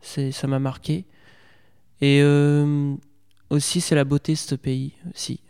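Young male interviewee, hesitant and halting, flat warm voice, reverberant room. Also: a little high, smooth. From Portugal. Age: young adult. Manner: hesitant, many fillers and restarts. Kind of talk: casual interview.

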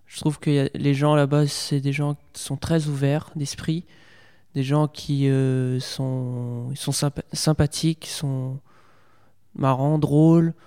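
Young guy answering questions, lots of euh, flat smooth voice, echoey room. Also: mid-range voice, unhurried. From Portugal. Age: young adult. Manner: hesitant, many fillers and restarts. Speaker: interviewee. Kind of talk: casual interview.

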